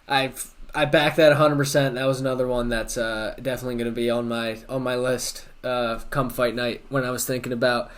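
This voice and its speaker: A man co-hosts a casual podcast chat about fight bets, laid-back and loose. He swears freely and hesitates with fillers. His pitch sits in the middle range. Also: little pitch movement, fairly quick, hardly any pauses. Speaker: podcast co-host.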